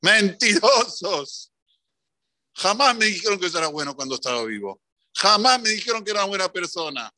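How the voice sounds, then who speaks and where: A man's voice: sits high, sing-song, moderate pace, bright, forceful tone, no room sound, voice pushed up, heavily acted. A man voicing a bitter, indignant man who comes back from the dead to accuse his mourners.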